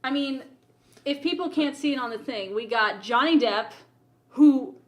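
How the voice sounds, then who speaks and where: A talkative, opinionated woman co-hosts a film-review podcast, giving informal commentary in casual conversation. Her voice sits high and her pace is moderate, with an echoey, roomy sound to the recording.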